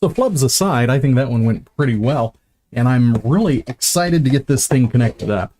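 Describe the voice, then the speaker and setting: Chatty man unboxing gear, mellow tone. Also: mid-range voice, expressive, normal speed. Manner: chatty and self-mocking, fumbles and restarts. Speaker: host unboxing gear on a live stream. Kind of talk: casual live-stream unboxing chat.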